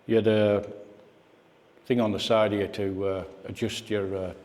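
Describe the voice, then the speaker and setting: A man with a fairly low, darkish voice speaks unhurriedly, his pitch barely shifting. In an echoey club meeting room, he delivers an informal guest talk, reminiscing and addressing questions to those listening.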